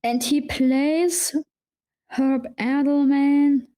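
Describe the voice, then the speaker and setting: High-voiced woman, eager film fan guest. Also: steady tone, dark tone. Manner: eager, halting, repeats words. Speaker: podcast guest. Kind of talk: casual film podcast chat.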